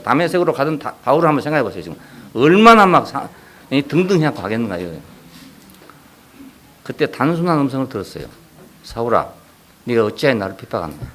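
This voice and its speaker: 생동감 있게 설교하는 경상도 목사. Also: male voice, on the high side. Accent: Gyeongsang. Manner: animated, rhetorical questions, acts out quoted voices. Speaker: pastor. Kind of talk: sermon.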